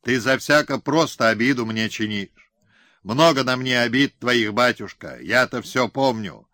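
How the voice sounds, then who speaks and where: A man's voice: a little slow, fairly bright tone, no echo. Man doing a nasal, whining Cossack rogue. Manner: shrill hysterical outbursts. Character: whiny scheming Cossack colonel, nasal, stammering. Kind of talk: audiobook character reading.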